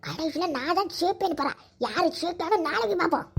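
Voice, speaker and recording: A woman's voice: very high voice, expressive, fast talker, gravelly. A woman playing a scolding role in a comic village sketch, stammering when flustered. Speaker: comedy sketch performer.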